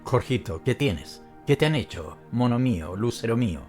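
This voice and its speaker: A male narrator voicing a scornful, quick-tempered wife with a cutting, mocking manner in an audiobook. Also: medium pitch, a little mellow, faint music behind, natural voice. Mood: coaxing. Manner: cutting, disdainful, mocking laughter. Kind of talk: audiobook character reading.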